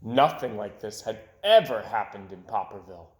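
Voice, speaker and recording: This man reads a children's tale aloud at a moderate pace, his fairly low voice very animated as he varies loudness and speed for suspense. The home recording sounds roomy and carries a little hiss or hum.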